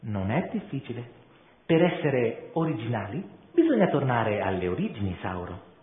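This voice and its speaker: A man's voice: medium pitch, sing-song, moderate pace, voice pushed down, close to an everyday voice. A man voicing an alluring, free-spirited female chameleon who talks in a teasing, dreamy way. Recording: tinny echoey room.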